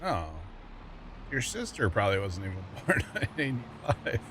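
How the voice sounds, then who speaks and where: A man's voice: mid-range voice, big pitch swings, moderate pace. A middle-aged man hosting a gaming livestream in casual chat, teasing his co-player and humming along. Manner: teasing, jokey, hums while playing. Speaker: livestream host. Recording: game vehicle engine noise behind.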